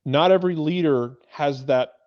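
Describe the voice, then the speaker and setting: This soccer talk-show pundit speaks at a normal speed in a fairly high male voice, repeating phrases to stress his casual takes on the game. The recording has no echo but sounds somewhat dull and lo-fi.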